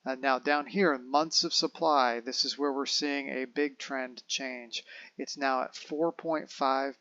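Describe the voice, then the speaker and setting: A man's voice: medium pitch, steady tone, unhurried, pushed and bright, dry recording, highs cut off. A man who works as a realtor, giving a casual market update and walking through the figures step by step, correcting himself as he goes. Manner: conversational, explains figures step by step, self-corrects.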